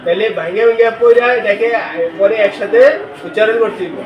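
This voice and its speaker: This lo-fi clip catches a male teacher, high-pitched and fairly quick, leading his class through a call-and-response lecture. He poses questions and spells words letter by letter, and the echoey classroom is heard from a distance against a noisy background.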